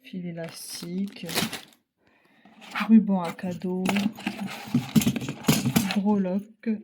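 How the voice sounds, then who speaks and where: A woman with a Ch'ti accent talks slowly and hesitantly, pausing on fillers as she sorts through her craft supplies. Loud crinkling of packaging and clicking boxes fill the recording. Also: lowish voice, steady tone, very noisy. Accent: Ch'ti (northern French). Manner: hesitant, many fillers, thinking aloud while sorting. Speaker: craft vlogger. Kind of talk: casual room tour of craft supplies. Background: rustling of packaging and boxes.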